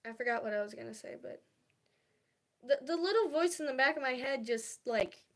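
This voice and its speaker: A woman's voice: high-pitched, expressive, fairly quick. A young woman livestreaming, talking casually and hesitantly about her feelings, with many fillers and restarts. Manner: confiding and soft-spoken about feelings.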